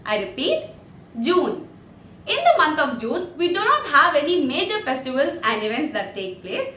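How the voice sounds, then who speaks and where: A woman teaching a spoken lesson, saying each word slowly and then repeating it for learners. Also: high-pitched, sing-song, sharp tone, reverberant, a little hiss or hum. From India. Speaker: English teacher.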